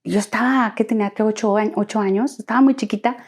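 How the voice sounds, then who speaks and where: A woman's voice: medium pitch, steady tone, fast talker. A woman recounting her life story as an interview guest, earnestly acting out quoted dialogue.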